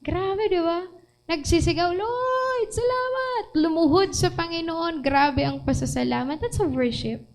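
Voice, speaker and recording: A woman preacher with a Filipino accent delivering an animated sermon, mixing Tagalog and English and asking the congregation questions. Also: very high voice, normal speed, low-quality recording.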